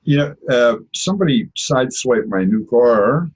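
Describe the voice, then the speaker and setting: A man's voice: medium pitch, animated, normal speed, husky. A man teaching an informal religious class, talking in a conversational way and telling personal stories. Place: lives in Israel. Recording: dull lo-fi recording.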